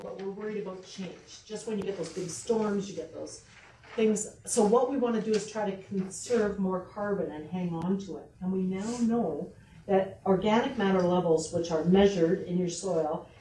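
A woman's voice: mid-range voice, dark tone. A middle-aged woman giving a chatty, joking gardening presentation to a live audience, often asking them questions. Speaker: horticulturist giving a library talk. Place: library meeting room. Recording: roomy sound from a distant mic with faint noise.

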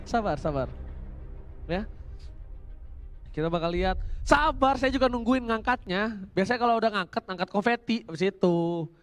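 An Indonesian man gives informal live commentary at an esports event. His voice is very high, and music plays behind him on the broadcast. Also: animated, normal speed, long pauses.

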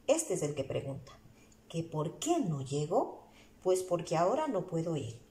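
A woman teacher with an Ecuadorian Spanish accent explains grammar at an unhurried pace, her voice rising and falling a lot. Her tone is mellow and warm. The sound is roomy, recorded in a classroom with a board. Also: on the low side, big pitch swings. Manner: slow, explains step by step, asks rhetorical questions. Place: room with a whiteboard. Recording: echoey room.

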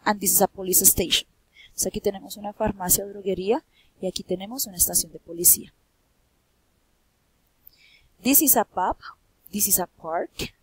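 A young Colombian woman teacher with a Bogotá accent runs a bilingual vocabulary lesson. Her voice is a little husky and sits in a middle register. She is recorded close and dry, switching between English and Spanish at an even teaching pace. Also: mid-range voice, a little fast, no room sound, rough recording. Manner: says each point in English, then repeats it in Spanish; lifts her voice on quiz questions.

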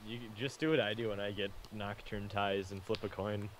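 Rambling young man, lowish voice. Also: level tone, a little fast, a little hiss or hum. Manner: rambling, swears often, laughs a lot. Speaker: guest co-streamer. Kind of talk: casual chat on a game stream.

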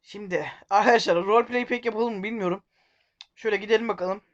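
A man's voice: high voice, quick pace, fairly bright tone, lo-fi sound. A man hosting a casual let's-play, rambling, joking and correcting himself as he goes. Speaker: gaming video host.

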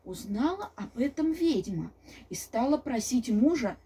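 A middle-aged woman reading a fairy tale aloud to children like a grandma, in an expressive, deliberate, sing-song manner. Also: high-pitched, husky. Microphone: camera a few steps away. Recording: distant phone or camera mic.

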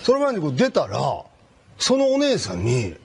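Kansai guy telling a childhood story, bit high, voice swings a lot. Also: huge pitch swings, normal speed, darkish tone. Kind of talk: comic storytelling.

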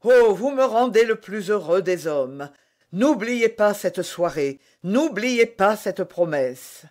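A man's voice: high voice, animated, takes it slowly, a little mellow, voice pushed up. A man with a French accent voicing an eager, lovesick young swordsman in an audiobook. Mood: ardent. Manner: eager, earnest. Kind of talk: audiobook reading.

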